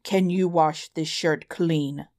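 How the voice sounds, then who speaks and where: A woman's voice: low-pitched, flat delivery, a little slow, a little mellow, dry recording, clean studio sound. A woman voicing a firm, earnest young prince. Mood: exasperated.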